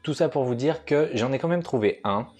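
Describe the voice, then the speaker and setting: A man's voice: mid-range voice, animated, brisk, darkish tone, soft background music. A young man chatting casually in a book vlog, self-mocking and hesitant, recorded indoors at home at night. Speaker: booktuber.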